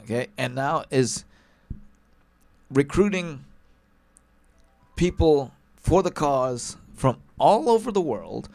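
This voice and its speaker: A man's voice: fairly high pitch, lively intonation, slow pace, creaky, pauses often, a little mellow, no room sound, faint music behind. A male talk show host giving an emphatic political commentary monologue, hammering one point again and again and tagging his lines with "all right?" and "okay?".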